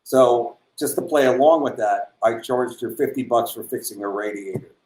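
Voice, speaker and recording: A man, a comedian trading jokes and chuckling often in casual banter. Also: moderate pace. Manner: joking, chuckles often, lively pitch. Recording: echoey room with faint noise.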